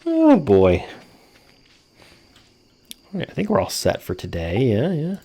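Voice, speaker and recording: A man's voice: medium pitch, wildly swooping pitch, measured pace, dark tone, slight background noise. A man hosting a gaming video with casual commentary, speaking informally and jokingly with free use of swearing.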